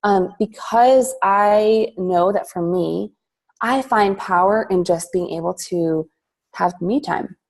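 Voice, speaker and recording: A Philippines-born woman chatting as a podcast guest, upbeat and enthusiastic, with loose pauses and fillers. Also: mid-range voice, darkish tone. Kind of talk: casual podcast interview.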